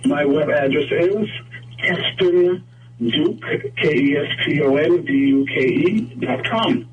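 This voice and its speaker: A man from Trinidad and Tobago, a guest photographer, explaining things in a measured way during a radio interview. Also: on the high side, far from the mic, lo-fi sound. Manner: measured, explanatory, with frequent "mm-hmm" and "whatnot".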